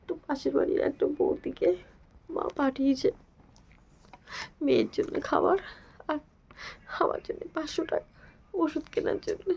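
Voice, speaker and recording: A woman with a sore, hoarse throat talking softly and half-whispering in a casual home vlog. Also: high-pitched, normal speed, pauses often. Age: adult with a daughter. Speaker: vlogger.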